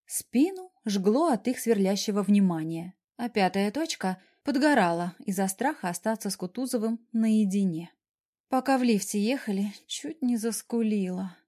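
A woman narrates a first-person audiobook in a wry, expressive manner. Her voice sits in a middle pitch. Her tone is mellow and darkish. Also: normal speed.

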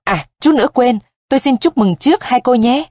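A woman's voice: fairly high pitch, animated, a little fast, a little mellow, no echo, clean studio sound, pitched above the performer's own voice. A woman reading the part of a timid male servant who stammers over his words. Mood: awkward. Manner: stammering, hesitant.

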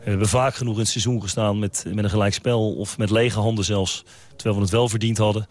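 A man, a football coach, answering questions after a match in a measured, reflective way with hesitations. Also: on the low side, fairly even intonation. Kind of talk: post-match interview.

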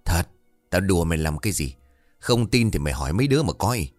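A man's voice: low voice, big pitch swings, fast talker, no echo, soft background music. A man voicing a cheerful, teasing older village uncle in a spoken ghost story. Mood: jovial. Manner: teasing, boisterous.

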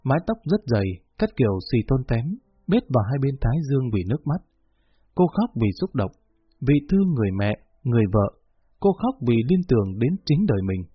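A man reading a novel aloud as an audiobook narrator, in measured, steady storytelling. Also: medium pitch, slightly rough, no room sound. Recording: muffled lo-fi with faint music.

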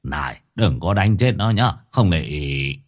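A man doing a gruff scolding exorcist. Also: deep voice, lively intonation, unhurried, pitched below the performer's own voice. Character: gruff middle-aged male exorcist master, bossy.

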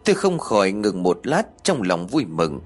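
A man narrating a serialized audiobook in a steady storytelling manner. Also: fairly low pitch, moderate pace, breathy edge, soft background music.

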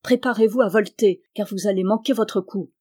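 A reader putting on a gruff, devoted man-at-arms from an old French novel, barking riding orders at his young master in a raised, carrying voice. He stays respectful to the noble lady while staying firm. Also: medium pitch, steady tone, moderate pace, close to an everyday voice. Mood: warning. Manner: loud commanding calls. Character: stern loyal man-at-arms teaching riding.

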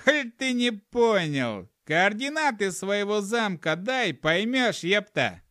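A man's voice: fairly high pitch, very animated, unhurried, bright, forceful tone, no echo, studio quality, heavily acted. A man voicing a foul-mouthed, hot-tempered male gnome who grumbles and swears constantly in an audiobook. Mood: indignant. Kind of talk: audiobook character voice.

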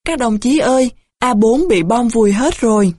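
A woman reading a novel aloud, voicing a young male squad leader who shouts out in anguish. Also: on the high side, lively intonation, normal speed, husky, no echo, studio quality. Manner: shouting calls. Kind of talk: audiobook character voicing.

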